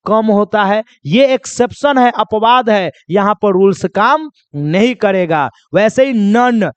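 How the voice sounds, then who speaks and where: A man's voice: high-pitched, animated, slow, clear, resonant tone, dry recording. A man teaching pronunciation rules in a classroom-style lesson, constantly quizzing his listeners with repeated questions and calling them children. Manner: drills with repeated quiz questions; addresses viewers as children.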